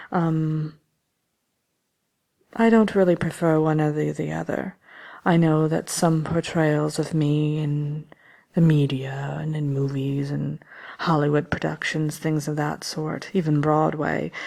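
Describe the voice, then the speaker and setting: A woman playing a vain, sinister, cynical witch in an ASMR roleplay, speaking haughtily and haltingly, sometimes dropping to a whisper. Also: low voice, gravelly, a little mellow, exaggerated voice. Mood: haughty, flustered. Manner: haughty, unhurried, halting, partly whispered delivery. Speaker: host answering listener questions. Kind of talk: ASMR character roleplay chat.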